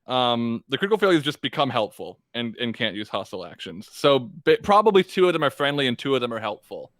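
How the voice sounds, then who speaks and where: A man playing a tabletop game, explaining his moves casually and haltingly as he thinks aloud. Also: medium pitch, very animated, fairly bright tone, no room sound.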